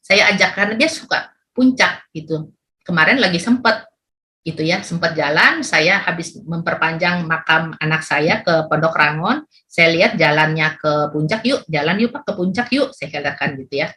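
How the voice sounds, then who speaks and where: A middle-aged woman pastor from Indonesia preaching with chatty, expressive personal stories. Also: low-pitched, moderate pace. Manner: chatty, expressive storytelling with rising exclamations.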